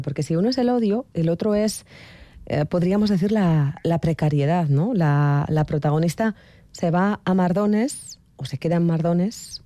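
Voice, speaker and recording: Mellow, dry-sounding interviewer. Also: medium pitch, dry recording. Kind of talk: interview questions.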